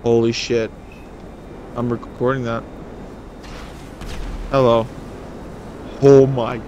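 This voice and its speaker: A man's voice: medium pitch, flat delivery, slow, dark tone, dull audio, slight background noise. A man recording himself gaming with a friend, laid-back and teasing in casual banter.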